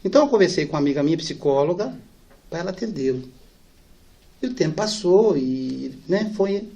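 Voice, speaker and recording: Brief: middle-aged male spiritist speaker, animated storyteller, fairly high voice, acts out the dialogue. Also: gravelly. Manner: animated storyteller, acts out dialogue, drops soft and slow for sad parts. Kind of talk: storytelling lecture.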